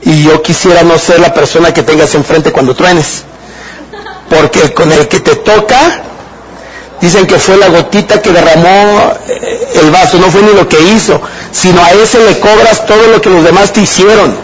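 A man's voice: high-pitched, steady tone, moderate pace. A man with a Mexican accent giving a motivational seminar talk to a live audience, conversational and quizzing the crowd with questions. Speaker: motivational speaker. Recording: noisy live seminar recording.

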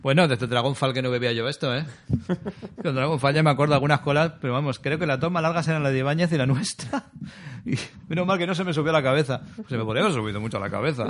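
A man's voice: mid-range voice, fast talker. A man in casual chat, chatty and nostalgic, laughing often as he talks. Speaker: comics podcast co-host.

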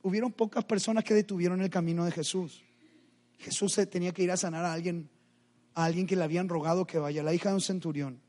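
A man's voice: high voice, steady tone, fast, a little mellow. A middle-aged man preaching a sermon, acting out Bible scenes dramatically and speaking straight to the congregation. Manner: dramatic, acts out Bible scenes, addresses the audience directly.

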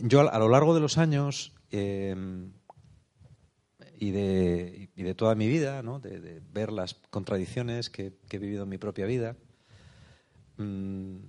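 A man's voice: lowish voice, darkish tone. A man giving a thoughtful spiritual talk, often checking in with "eh?" and "no?". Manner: thoughtful, unhurried, tag questions like "eh?" and "no?". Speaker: preacher.

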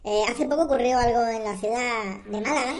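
A woman from on a comedy podcast, telling an odd news item in a playful, deadpan way. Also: on the high side, brisk, slight background noise. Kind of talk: comic news segment.

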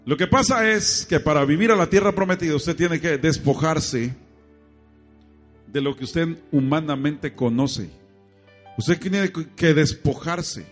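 A man's voice: fairly high pitch, unhurried, soft background music. A man preaching an evangelical sermon, telling stories and speaking directly to his congregation. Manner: addresses congregation directly, animated storytelling.

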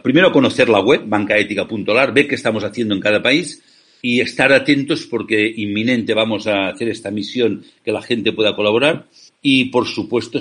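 A man's voice: fairly low pitch, a bit bright, husky. A man from Spain, an ethical banking founder, giving passionate, persuasive interview answers over a remote call, often asking rhetorical questions.

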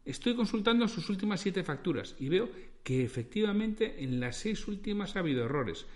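A man voicing a calm, courteous call-center operator with an Asturian accent. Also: sits high, normal speed, voice pushed up. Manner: smooth, courteous, reassuring.

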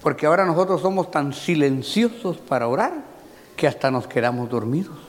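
A man preaching a sermon in a church hall, swinging from loud shouting to quiet asides, calling his listeners "brother" with folksy humor. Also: fairly high pitch, expressive, fairly quick. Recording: long hall reverb, faint crowd.

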